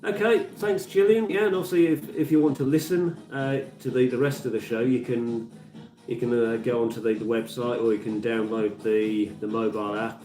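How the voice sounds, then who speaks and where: In a community radio studio, a fifties-aged presenter from Birmingham, England, talks with a Brummie accent in a warm, mid-range voice, steady in tone and moderate in pace. His live chat linking songs is casual and meandering, full of fillers and restarts. Music plays in the background, and the distant mic captures room echo.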